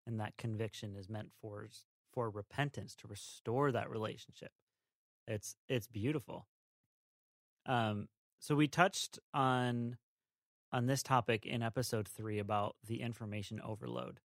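A man's voice: lowish voice, measured pace, creaky, dry recording, studio quality. A man co-hosting a faith-based podcast, thoughtful and affirming, guiding the talk with questions. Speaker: podcast co-host, interviewer.

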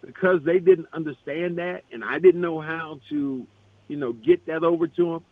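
Animated man telling stories over the phone. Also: a little high, normal speed, gravelly, no echo. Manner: animated anecdotes, frequent restarts, laughing. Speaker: guest, retired basketball player and author. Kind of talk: storytelling in a radio interview. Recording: tinny phone line.

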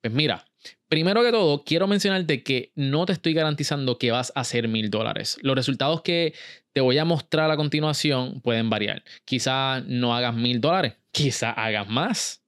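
Upbeat podcast host. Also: male voice, medium pitch, normal speed, fairly bright tone, smooth, no echo, studio quality. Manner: direct, pushy, addresses listener as tú, mixes English words. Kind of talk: energetic motivational podcast talk.

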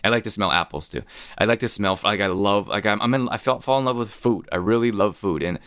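A man's voice: lowish voice, brisk, a bit bright, clean tone, dry recording, studio quality. A man hosting a podcast, telling rambling, chatty stories and laughing often. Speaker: podcast host. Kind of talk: casual storytelling monologue.

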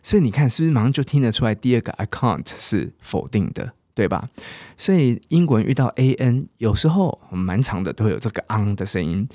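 A man with a Taiwanese Mandarin accent, hosting a casual podcast English lesson and coaxing listeners to repeat example words slowly. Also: on the low side, dark tone, no room sound, clean studio sound. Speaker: English teacher and podcast host.

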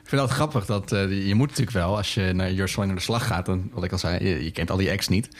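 A man's voice: low voice, fast talker. A man hosting a podcast in casual chat, chatty and laughing easily. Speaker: podcast host.

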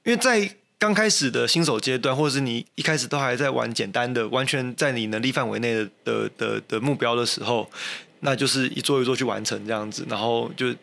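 A young man speaking Mandarin with a Taiwanese accent, guesting on an interview show as a mountaineer. His voice has a gravelly, creaky edge at an ordinary pitch. He talks in a reflective, self-deprecating way, full of restarts. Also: brisk, fairly bright tone. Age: young adult. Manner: thoughtful, self-deprecating, many restarts and fillers. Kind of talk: casual interview talk.

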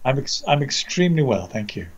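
A man with an English accent giving conversational news commentary over an internet call, measured and articulate, often repeating words as he searches for the next. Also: mid-range voice, very animated, lo-fi sound. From Britain. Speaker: commentator, co-presenter. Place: indoors under a roof, remote audio call.

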